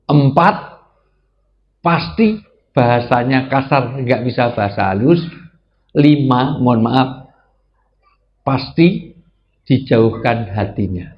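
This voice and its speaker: A man, often jumping to high exclamations. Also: animated, takes it slowly, pauses often. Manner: joking, swings to high exclamations. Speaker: Islamic preacher. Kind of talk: humorous sermon to a live audience. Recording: slightly dull lo-fi sound with faint ambience.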